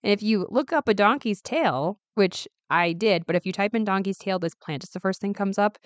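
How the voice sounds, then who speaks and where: A woman hosting a casual solo podcast, chatty and self-correcting, with a raspy, slightly gravelly voice, hoarse from a lingering cold. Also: medium pitch, normal speed, no echo, highs cut off. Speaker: podcast host.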